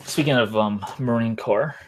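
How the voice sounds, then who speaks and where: A man's voice: medium pitch, moderate pace, slight background noise. A young man chatting casually on a livestream in a rambling, hesitant way, often trailing off. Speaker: live streamer, former Marine.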